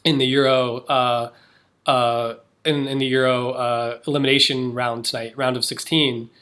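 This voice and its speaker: With a flat delivery, medium pitch and a bright, forceful tone, a young man from the United States talks at normal speed. He's co-hosting a podcast in a casual, chatty way, full of fillers and restarts.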